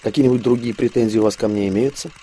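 A man's voice: medium pitch, fairly even intonation, very fast, dark tone, slight background noise, lightly acted. A man voicing a nonchalant, mocking young male sergeant in a storybook reading, with a sly, offhand manner.

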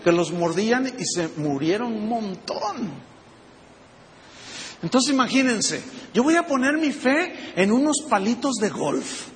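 A pastor preaching a sermon to his congregation, animated and full of rhetorical questions. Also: high voice, slow pace, slight background noise. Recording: long reverb of a large hall.

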